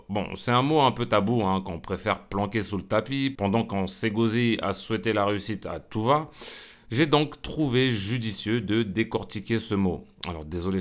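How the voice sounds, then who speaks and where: A middle-aged man with a smooth, low voice hosts a casual solo podcast. He's playful and chatty, joking and mocking himself, with plenty of asides and lots of "hein".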